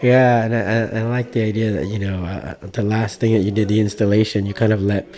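A man's voice: fairly low pitch, steady tone, fairly quick, warm tone. A man hosting a casual music interview, rambling with many restarts and fillers. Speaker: host.

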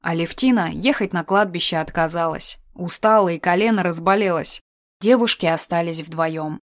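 A woman reading an audiobook in measured scripted narration. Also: lowish voice, dry recording, clean studio sound.

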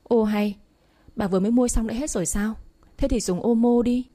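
A woman's voice: on the high side, mellow, natural voice. A woman voicing a fussy, scolding old village grandmother. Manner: bossy, scolding, quick to complain.

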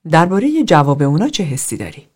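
A patient male group therapist, as a woman narrator reads him, with a soft, coaxing tone that still rises and falls in a lively way. He talks warmly and persistently in an audiobook scene. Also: deep voice, slightly rough, heavily acted.

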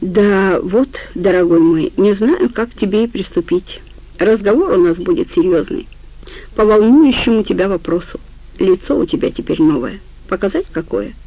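A woman reading the part of a soft-spoken, persuasive and quietly menacing middle-aged man in an audiobook. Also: medium pitch, lively intonation, moderate pace, low-quality recording. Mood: smooth. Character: sly, coaxing middle-aged man boss.

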